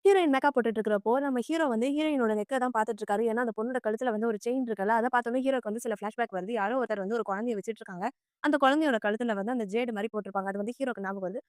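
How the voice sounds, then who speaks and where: A woman retelling a film in quick, chatty storytelling and voicing each character herself. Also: fairly high pitch, no room sound, clean studio sound. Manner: rapid chatty storytelling, filled with the word 'vandhu'. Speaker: movie recap narrator.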